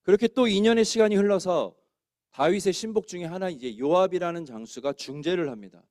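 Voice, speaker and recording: A male pastor delivering a Sunday sermon, animated and acting out the voices of the people in the story. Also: sits high, brisk, dry recording, studio quality. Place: church sanctuary.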